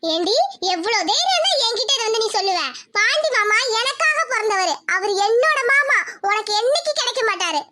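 A woman's voice: very high voice, big pitch swings, moderate pace, very noisy. A woman voicing an arrogant rich village girl in a cartoon, taunting and threatening her rival. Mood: scornful. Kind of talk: cartoon voice acting.

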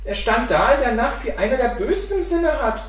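A woman's voice: on the high side, expressive, normal speed, pitched above the performer's own voice, lightly acted. A woman voicing a simple, fearless young boy with eager, earnest pleading. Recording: echoey room from far off.

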